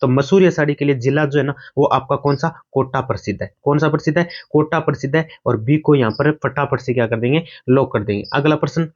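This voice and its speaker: A man's voice: medium pitch, fast, few pauses, darkish tone, muffled recording. A man teaching an online exam-prep class, drilling through quiz questions at speed and answering his own questions.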